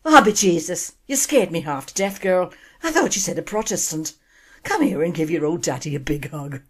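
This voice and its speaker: A woman doing a yelling old Irish father. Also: on the low side, expressive, moderate pace, husky. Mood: relieved. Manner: yelling, scolding.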